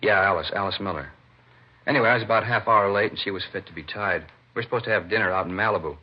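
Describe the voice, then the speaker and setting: An American man with a fairly low, husky voice talks fast, playing a casual, grumbling man-about-town suspect in a 1950s radio drama. He gripes in breezy, clipped phrases, and the vintage radio recording sounds muffled.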